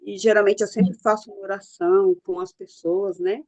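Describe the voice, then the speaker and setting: A woman's voice: mid-range voice, flat delivery, normal speed, darkish tone, dull audio. A middle-aged woman therapist with a Brazilian Portuguese accent, telling stories from her practice in an earnest, confiding way. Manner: earnest, confiding, peppered with "né" and "assim". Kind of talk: casual storytelling.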